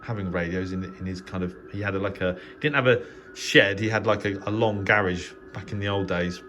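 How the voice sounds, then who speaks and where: Faint music plays behind a middle-aged English shortwave hobbyist whose deep, steady, a bit bright voice moves fairly quickly. He hosts a channel and is giving an improvised, hesitant, rambling tour of the radio shack in his small spare bedroom. The home recording carries clear noise.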